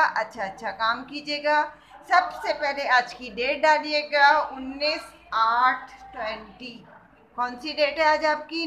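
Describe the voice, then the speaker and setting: Woman teacher, high bright voice, patient, spells letters slowly. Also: a little hiss or hum. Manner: slow, patient, spells out letters and asks questions. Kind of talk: kindergarten Urdu writing lesson.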